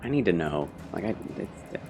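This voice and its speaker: A man's voice: deep voice, big pitch swings, a little fast. A man doing casual, playful live gameplay commentary as a streamer, in short muttered reactions. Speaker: game streamer. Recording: streamer voice over loud game music.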